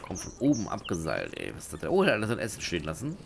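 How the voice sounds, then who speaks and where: A man's voice: low-pitched, huge pitch swings, fast, gravelly, a little hiss or hum. A man giving casual let's play commentary, with dry, joking asides to his viewers.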